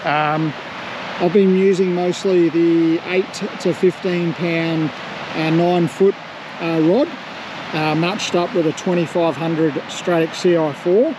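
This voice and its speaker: A man's voice: fairly high pitch, takes it slowly. A middle-aged man talking casually about fishing on an open beach, recorded on a handheld camera. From Australia. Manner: excited outdoor commentary, loose and chatty. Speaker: fishing vlogger. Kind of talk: casual running commentary. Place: open ocean beach outdoors. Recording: loud surf and wind noise. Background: crashing waves and wind.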